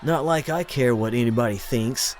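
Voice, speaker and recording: A man's voice: medium pitch, normal speed, pitched above the performer's own voice, natural voice. Brash show-off hacker, as a man puts him on. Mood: cocky. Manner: brash, teasing, slangy.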